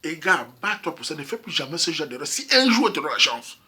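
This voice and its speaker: A man's voice: fairly high pitch, big pitch swings, fast talker, pushed and bright, breathy edge. A man from Cameroon giving a casual opinion monologue on a couple's problems, emphatic and repetitive, often speaking straight to his listeners. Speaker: YouTube commentator. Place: Europe.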